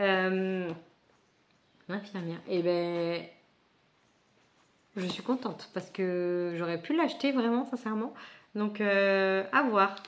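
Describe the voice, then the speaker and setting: A woman's voice: mid-range voice, fairly bright tone. A woman vlogging casually as she unboxes a book subscription box, chatty and thinking aloud with frequent asides.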